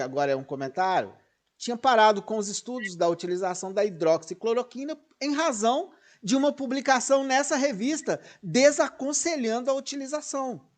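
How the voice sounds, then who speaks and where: A man hosting political commentary, excitable and digressive, often correcting himself mid-sentence over a video call. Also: high-pitched. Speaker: host.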